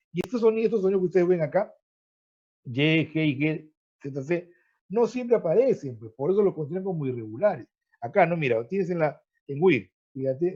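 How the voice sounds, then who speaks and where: Male online tutor, slightly high, keeps checking the class understands, muffled call audio. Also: a little mellow. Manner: explanatory, checks in with frequent "¿ya?" and "¿no?"; repeats words while searching. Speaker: teacher. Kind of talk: online pre-university grammar class. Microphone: video call. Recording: dull lo-fi video call audio.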